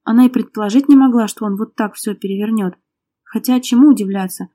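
A woman's voice: a little high, quick pace, warm tone. A woman reading an audiobook, narrating a tense domestic drama in a dramatic storytelling manner. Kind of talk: scripted narration.

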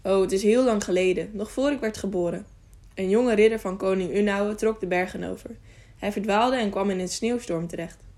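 A woman's voice: mid-range voice, a little fast, lightly acted. A woman doing an eager, curious young boy. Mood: chatty. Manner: lively, eager, sometimes whispering excitedly.

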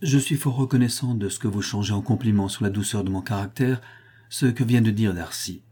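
A man reading an audiobook and voicing a cheerful, easygoing young gentleman. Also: on the low side, a little fast, breathy edge. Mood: jovial. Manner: lively, good-humoured protesting.

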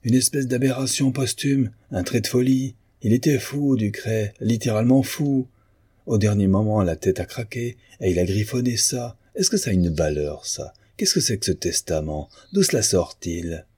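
A man's voice: low-pitched, big pitch swings, moderate pace, hardly any pauses, darkish tone, breathy edge, dry recording, clean studio sound, full character voice. A man voicing a bitter, mocking male painter in an audiobook of a novel. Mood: scornful. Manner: sneering, sarcastic.

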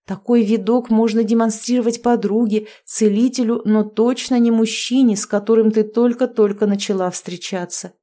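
A woman narrates a first-person fantasy novel in a fairly high voice. Her reading is expressive and close, like an audiobook told from the heroine's point of view. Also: moderate pace, hardly any pauses.

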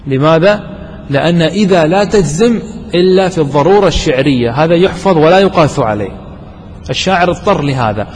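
A man teaching a classroom grammar lesson, quizzing his students and repeating examples slowly. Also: a little high, expressive. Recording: long hall reverb, faint background noise.

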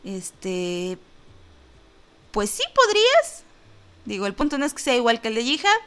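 A woman's voice: on the high side, huge pitch swings, measured pace, a bit bright, clear, resonant tone. Laughing, chatty Mexican woman host. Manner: chatty and joking, lots of fillers and laughter. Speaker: host of an online talk show. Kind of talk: casual chat reading out listener comments.

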